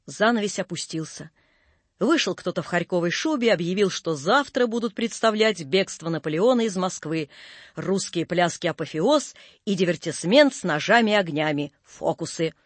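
A man reads a story aloud with theatrical expression, dropping low for suspense. His voice is high and the recording dry and close. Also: expressive, normal speed, no echo. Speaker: narrator. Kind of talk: scripted story reading.

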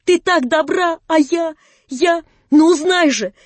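A woman voicing an excitable, impulsive young man in love, pleading and rapturous, her voice raised high above her own. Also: brisk, dry recording.

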